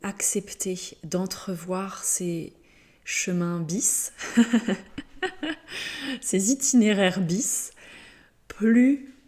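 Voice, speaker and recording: Very slow, hesitant woman channeler. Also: medium pitch. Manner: hesitant, halting, many fillers and pauses; gentle, searching for words. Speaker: spiritual channeler. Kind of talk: slow channeled spiritual message.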